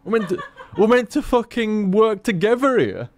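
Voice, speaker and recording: A man rambles over gameplay in loose, animated commentary, swearing freely as he goes. His voice sits a bit high and sounds close and dry, with no room around it. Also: normal speed, no room sound. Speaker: gaming commentator.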